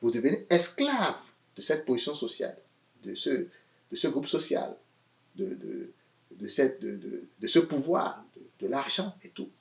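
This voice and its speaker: A man with a mid-range, creaky voice delivers a somewhat slow but animated sermon in a roomy-sounding space. He shifts between loud emphatic phrases and quiet asides, repeating words as he searches for them.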